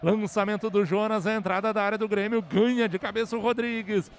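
A man giving explosive football goal commentary, excitedly shouting and stretching out key words. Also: sits high, brisk, a little hiss or hum.

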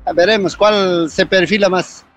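Soft-spoken Bolivian man at a bus stop. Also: sits high, steady tone, moderate pace, faint music behind. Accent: Bolivian Spanish. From Cochabamba, Bolivia. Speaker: passerby being interviewed.

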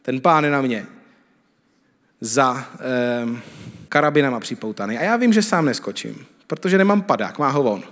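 A man's voice: medium pitch, expressive, fairly bright tone, in a large hall. A man in his thirties from the Czech Republic, preaching a conversational sermon and telling everyday stories. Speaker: pastor. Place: church hall.

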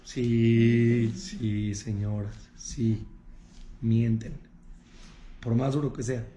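A rabbi, giving a lively talk to an audience and acting out the people he quotes in changing voices. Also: mid-range voice, very slow. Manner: acts out quoted people in shifting voices, addresses audience directly. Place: room with a live audience. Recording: echoey room with faint ambient noise.

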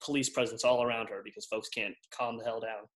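A man's voice: fairly low pitch, a little fast. Easygoing male interviewer. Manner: relaxed, short affirmations while listening. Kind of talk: casual podcast chat.

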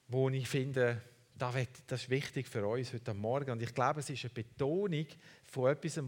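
A man preaching a sermon. He asks the congregation questions and repeats key words for emphasis. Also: medium pitch.

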